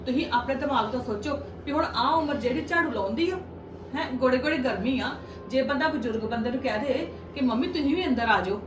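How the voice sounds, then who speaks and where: A woman's voice: high-pitched, a little fast, natural voice. A woman playing an earnest, reproachful married sister in a family skit, with a Punjabi accent. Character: concerned married sister reproaching her brother. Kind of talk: amateur family skit acting. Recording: echoey, noisy, distant microphone.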